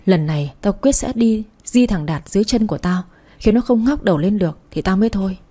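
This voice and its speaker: A woman voicing a furious young mother who curses and shouts to get her baby back. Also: medium pitch, expressive, a little fast, husky. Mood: bitter. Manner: shouting, cursing.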